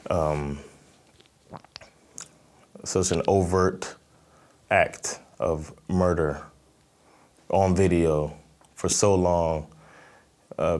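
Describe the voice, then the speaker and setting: A man with a very low voice and an American accent answers interview questions. He speaks thoughtfully, pausing and restarting often as he works through his points. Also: a little mellow. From Miami, Florida, USA. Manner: thoughtful, halting, many fillers and restarts. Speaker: stand-up comedian, interview guest.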